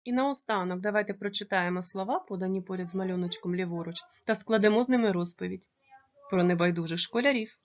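A woman teaching a primary school lesson, stressing each word slowly and clearly for young pupils. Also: mid-range voice, muffled recording. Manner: slow, clearly stressed dictation of words.

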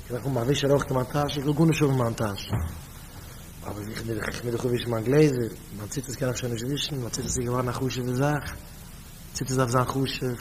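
Emphatic Yiddish-accented rabbi preaching. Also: male voice, medium pitch, steady tone, brisk, background noise. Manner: storytelling, repeats phrases, rises to emphatic bursts. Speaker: rabbi giving a talk.

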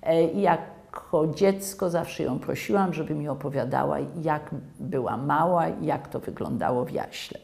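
A woman in her seventies sharing childhood memories in a documentary interview at home, reflective and pausing to find words. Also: low-pitched, gravelly, darkish tone. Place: quiet living room at a table.

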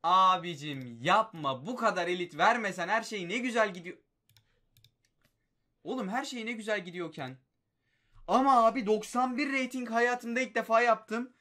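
A young man with a high, bright voice commentates live as he plays a mobile game. He keeps begging the game and groans at it in exasperation, talking straight to it. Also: normal speed, pauses often. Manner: pleading, exasperated, talks to the game.

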